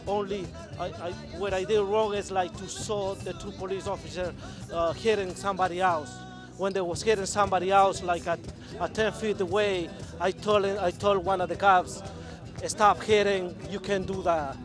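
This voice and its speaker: A man with a fairly high voice speaks hesitantly in broken English, stumbling over his words. Clear music plays behind him outdoors. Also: steady tone, normal speed. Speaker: interviewee. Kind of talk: street interview.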